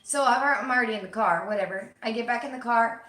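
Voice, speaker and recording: A young adult woman from Florida telling a story in casual chat, animated, cursing freely and acting out the voices of the people in it. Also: fairly high pitch, quick pace. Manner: animated, swears freely, acts out quoted voices. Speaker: co-host. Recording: roomy echo.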